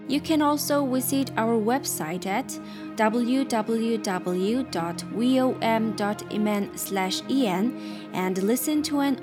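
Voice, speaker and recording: Female station announcer, voice pitched a bit high, scripted radio identification read over prominent music.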